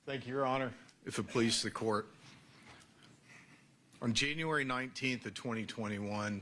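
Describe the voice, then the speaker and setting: A man speaking as a prosecutor in a courtroom, giving a formal, deliberate closing argument in short narrative phrases. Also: mid-range voice, bright, forceful tone.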